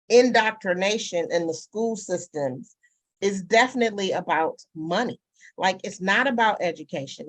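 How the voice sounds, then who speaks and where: A woman's voice: medium pitch, fairly bright tone, dry recording, poor audio. A woman speaking on a discussion panel, making an impassioned argument and building her points with examples.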